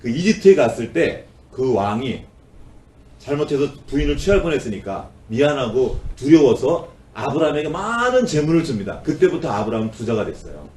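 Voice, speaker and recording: Korean pastor preaching in an echoey church. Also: male voice, big pitch swings, brisk, a little mellow. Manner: acts out complaining voices with rising pitch. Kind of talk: sermon. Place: church sanctuary. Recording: roomy church sound, voice from a distance.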